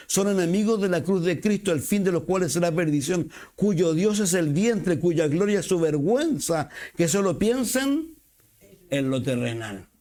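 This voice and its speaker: A male pastor, preaching a sermon with expressive swings and acted-out quotes. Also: high-pitched. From Chile.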